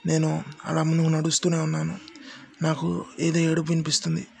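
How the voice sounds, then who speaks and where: Man, horror storyteller, first-person narration, steady and tense, flat monotone delivery, slightly high voice. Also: fairly quick, gravelly, slightly rough, no room sound.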